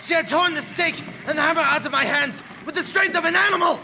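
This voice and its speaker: Man playing piercing, high-voiced haunted young husband. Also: fast talker, vocal fry, pushed and bright, slight background noise, heavily acted, poor audio. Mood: horrified. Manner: dramatic, horrified recounting. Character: haunted young husband recalling horror, intense. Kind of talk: radio play narration in character.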